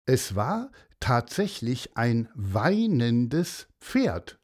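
A storyteller reading a children's story aloud with an expressive delivery. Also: mid-range voice, very slow.

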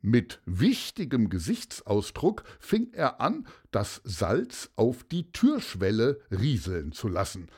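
A man narrating a children's audio story in an expressive storytelling manner. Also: lowish voice, slow pace, hardly any pauses, breathy edge.

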